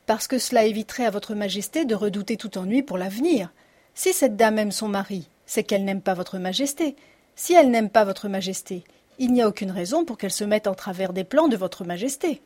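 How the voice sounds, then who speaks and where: A woman voicing a calm, clever male detective in an audiobook, measured and composed. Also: mid-range voice, close to an everyday voice. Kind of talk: audiobook reading.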